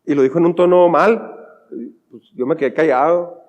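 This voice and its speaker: A man's voice: on the high side, normal speed, darkish tone, lo-fi sound. A man preaching a sermon in a church, speaking conversationally and acting out little everyday scenes. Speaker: pastor. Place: church sanctuary. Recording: long church reverb.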